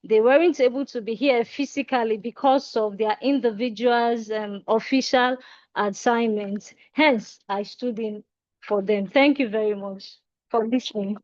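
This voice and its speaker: A woman giving a formal academic presentation as a conference presenter, in a halting delivery. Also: on the high side, fairly even intonation, darkish tone, dry recording. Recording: dull, lo-fi sound.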